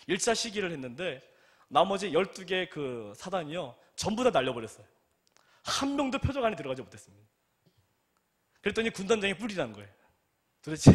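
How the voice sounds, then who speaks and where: Young male preacher, animated storyteller, lively pitch and fairly high voice, drops to hushed asides and climbs to loud emphatic peaks. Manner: animated storytelling with rhetorical questions. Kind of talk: sermon with personal story.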